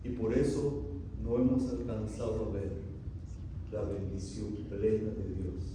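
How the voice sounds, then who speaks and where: A man preaching a sermon, asking the congregation loud rhetorical questions and then dropping to quiet, solemn lines. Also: on the low side, flat delivery, measured pace. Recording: very echoey, distant from the mic, faint room noise.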